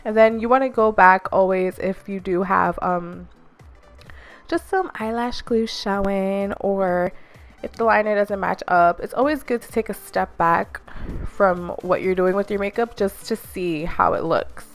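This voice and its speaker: Young woman chatting thru a makeup tutorial, mid pitch, easygoing, bit of music behind. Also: a little slow. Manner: chatty, instructive, self-deprecating. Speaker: beauty vlogger.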